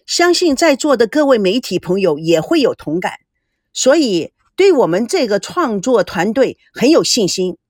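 A woman voicing a calm, polished male producer answering reporters in measured sentences. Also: on the high side, no room sound, clean studio sound. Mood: composed. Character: smooth composed male TV producer.

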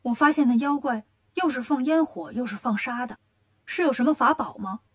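A woman's voice: high voice, fairly quick, husky. Woman doing a cheeky cocky monkey king. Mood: scheming.

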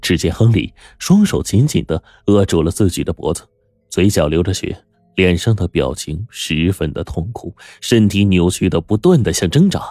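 A male storyteller narrating a mystery tale in a lively, expressive way. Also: sits low, moderate pace, dry recording. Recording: dry studio voice over faint music.

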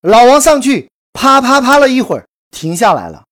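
A woman telling a promotional story in a brisk, emphatic scripted sales delivery. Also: a little high, sing-song. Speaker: course promoter narrator.

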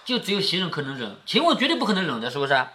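A man's voice: fairly high pitch, wildly swooping pitch, very fast, sharp tone. A man reading a classic novel aloud to his daughter and explaining it, often asking "isn't it?" and lifting his voice for quoted lines. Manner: keeps asking tag questions like "isn't it?" to check understanding; reads quoted lines with a raised, acted lilt.

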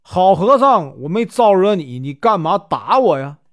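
A man's voice: high-pitched, very animated, a little slow. A man with a Northeastern Mandarin accent voicing a puzzled twelve-year-old boy who speaks plaintively.

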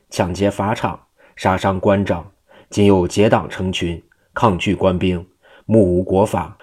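Guy reading a stern army commander, low voice, commanding. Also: a little mellow, breathy edge.

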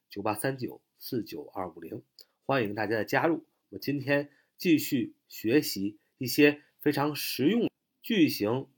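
A man teaching English phrases to Chinese-speaking learners, spelling words out letter by letter and repeating example sentences slowly, with frequent drawn-out "ah" fillers. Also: mid-range voice, husky. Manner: fills pauses with a drawn-out "ah". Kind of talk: online language lesson.

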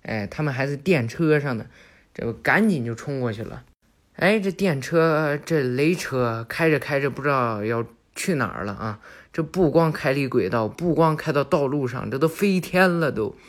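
A man's voice: mid-range voice, expressive, moderate pace. Chatty storyteller man. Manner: chatty, joking, self-correcting. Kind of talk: playful anime plot retelling.

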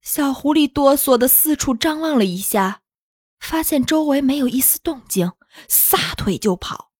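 A woman narrating a children's story in a gentle, unhurried, expressive reading. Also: high voice, no room sound, clean studio sound.

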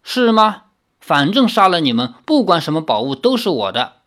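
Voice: medium pitch, very animated, normal speed, a bit bright. A storybook narrator voicing a sly, cold old male tree-demon hermit who speaks in a mocking, chuckling way. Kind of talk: audiobook reading.

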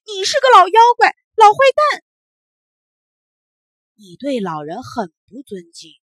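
A woman voicing an angry little bully boy who yells threats in a storybook. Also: medium pitch, expressive, a little slow, breathy edge, no room sound, voice pushed down. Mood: tearful. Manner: yelling, threatening.

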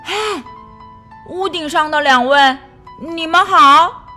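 A woman's voice: high voice, big pitch swings, takes it slowly, pushed and bright, soft background music, voice pushed up, heavily acted. A woman voicing a skeptical, sensible male frog in a children's storybook, speaking bluntly. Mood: curious. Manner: doubtful, blunt.

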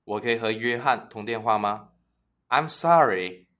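A man teaching English phrases in a bilingual lesson, repeating each phrase slowly for learners. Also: fairly low pitch, little pitch movement, fairly bright tone. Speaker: language teacher.

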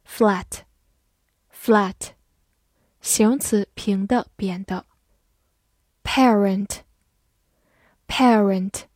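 A woman whose first language is Mandarin teaches English vocabulary from a script. She spells words letter by letter and reads example sentences slowly. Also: mid-range voice, a little mellow, husky, no room sound, studio quality. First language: Mandarin Chinese.

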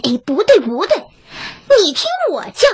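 A woman's voice: high-pitched, big pitch swings, moderate pace, no echo, clean studio sound, pitched below the performer's own voice. A woman voicing a hungry, boastful fox in a children's storybook reading, gloating and laughing. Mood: bossy. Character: greedy boastful male fox, hungry and smug.

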